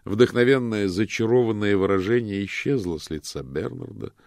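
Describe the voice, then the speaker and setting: A man reading a novel aloud as narrator, in an expressive, dramatic way. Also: fairly low pitch, normal speed, creaky, dry recording, clean studio sound. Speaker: audiobook narrator. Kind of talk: scripted narration.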